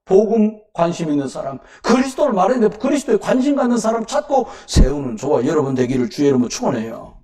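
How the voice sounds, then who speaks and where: A man preaching a sermon at a Wednesday church service, firing off rhetorical questions and breaking into sudden loud emphasis. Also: high voice, very animated, quick pace, recorded from a distance. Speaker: pastor. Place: church sanctuary.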